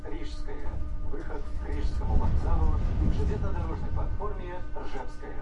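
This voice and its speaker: A man giving formal, measured station announcements heard over a train's intercom loudspeaker inside a carriage. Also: fairly high pitch, fairly even intonation, over loud music. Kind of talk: recorded transit announcements. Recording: muffled, echoey loudspeaker from far off.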